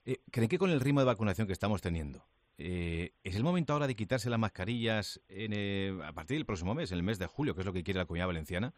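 A man hosts a radio program in a lowish voice. He talks fast and briskly and drops in filler sounds. The sound is close and dry. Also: lively intonation, no echo. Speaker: radio host. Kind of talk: radio interview hosting.

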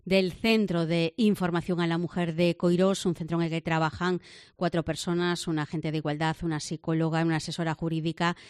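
Clear-voiced Spanish woman reading radio news. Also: on the low side, level tone, fairly quick, dry recording, clean studio sound. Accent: Spanish from Spain. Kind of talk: scripted news narration.

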